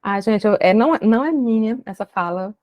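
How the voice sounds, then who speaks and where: A woman's voice: mid-range voice, fairly quick, dry recording, dull audio. Reflective Brazilian woman, dry sound. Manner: reflective, emphatic, uses many tag questions. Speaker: guest, parenting educator. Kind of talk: conversational podcast interview.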